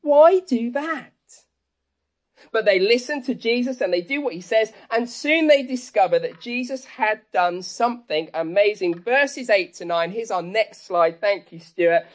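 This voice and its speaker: A woman's voice: medium pitch, animated, a little slow. A woman leading an interactive children's talk at church, with playful patter like a kids party magician and chatty asides. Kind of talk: interactive family sermon with magic-trick demonstration.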